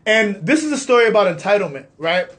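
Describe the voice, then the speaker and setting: A man with a notably high voice hosts a loose, casual chat. He tells stories with animation and speeds up when he gets excited. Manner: animated storytelling, talks fast when excited. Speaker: podcast host.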